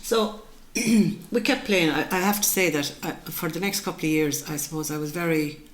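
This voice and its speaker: A woman's voice: low-pitched, normal speed. A woman in her sixties with a west of Ireland accent, reminiscing in casual conversation as an interview guest, in a colloquial, emphatic storytelling way. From west of Ireland (County Mayo). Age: 60s. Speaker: interview guest, traditional musician. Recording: echoey room, clear background noise.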